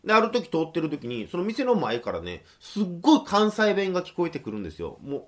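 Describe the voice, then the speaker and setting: A man's voice: on the high side, wildly swooping pitch, fast talker, a bit bright. A young man with a Kansai accent hosts a casual radio monologue, telling his stories in a chatty, self-deprecating way. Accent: Kansai Japanese. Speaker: radio show host.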